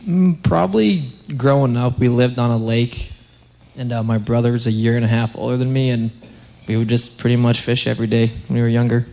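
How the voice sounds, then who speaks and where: A man's voice: medium pitch, steady tone, a little fast, creaky, warm tone. A young man from Minnesota, a college hockey player, giving easygoing, short interview answers. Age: young adult.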